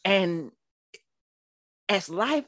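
A man's voice: high voice, expressive, extremely slow, a bit bright, no echo, studio quality. A man in his thirties from Georgia with a Southern accent, a podcast host and minister telling a testimony in a fervent, preacherly way with stammering restarts. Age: 30s. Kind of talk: testimony-style storytelling.

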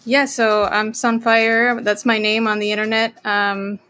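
Guesting on a casual interview, a young drummer from Costa Rica talks in a relaxed, meandering way, full of fillers and false starts. She speaks at a measured pace in a slightly high voice.

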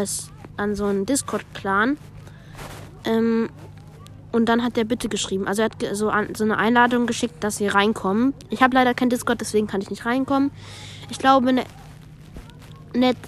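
A woman vlogger reading a group chat aloud in a casual way, with quick asides between the messages. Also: fairly high pitch, slight background noise.

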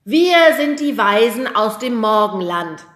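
A woman voicing an earnest schoolboy who loudly announces his lines as a wise man, in a storybook reading. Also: fairly high pitch, very animated, reverberant, voice pushed up, exaggerated voice. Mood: announcing. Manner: slow, loud announcing.

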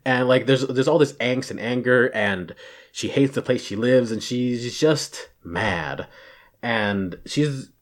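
A man's voice: mid-range voice, slow. A man talks casually in an office, rambling along. He trips over his own words and laughs them off. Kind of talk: casual chat.

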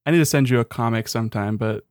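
A man's voice: mid-range voice, fast talker, a little mellow, dry recording, studio quality. A young man co-hosting a podcast in an easygoing, rambling and wry way, talking through games. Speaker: podcast co-host. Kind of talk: casual chat.

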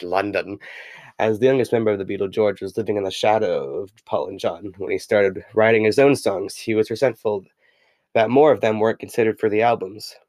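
A man's voice: on the low side, no room sound. A young man hosting a casual solo podcast, rambling with many fillers and reading passages aloud from a book. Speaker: podcast host.

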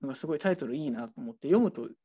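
With slight background noise, a bookshop worker speaks rapid-fire in a medium pitch, rambling animatedly and using lots of fillers. It is a casual chat while showing the shelves.

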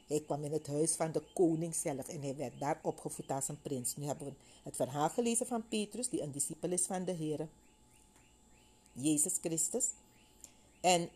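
A middle-aged woman preaching a sermon in a lively storytelling way, reading Bible passages and acting out the voices of the people in them. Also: deep voice, husky. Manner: animated storytelling, acting out voices of biblical figures.

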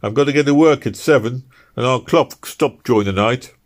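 A man's voice: medium pitch, moderate pace, pitched above the performer's own voice, natural voice. Worried working husband, read by a man, apologetic and anxious.

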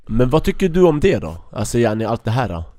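A man's voice: medium pitch, very animated, dark tone, dry recording, clean studio sound. A young man hosting a casual interview, curious and asking follow-up questions in slang. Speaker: podcast host.

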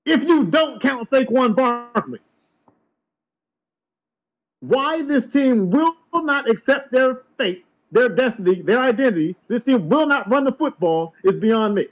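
A man's voice: very high voice, lively intonation, a little slow. A man hosting a sports podcast, giving blunt, emphatic opinions. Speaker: podcast host.

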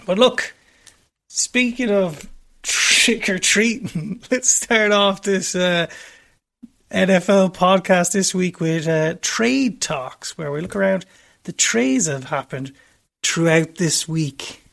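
Chatty podcast host, gravelly voice. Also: male voice, high-pitched, a bit bright. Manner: jokey, rambling, quick intros. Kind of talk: casual chat.

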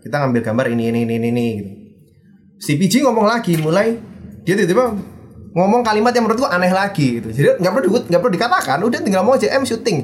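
A man's voice: high voice, very fast. Casual storytelling man. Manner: animated retelling, mixes in English phrases.

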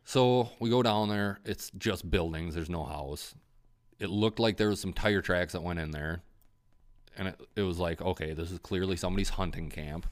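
Deep-voiced man rambling through a casual story. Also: normal speed. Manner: rambling, swears freely, many fillers. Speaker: podcast guest telling a hunting story.

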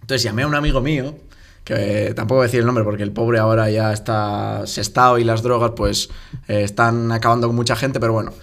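A man's voice: medium pitch, steady tone, a little fast, gravelly. A young man from the Country, co-hosting a podcast and telling a long story among friends with rambling asides. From Basque Country, Spain. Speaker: podcast co-host. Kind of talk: casual chat among friends.

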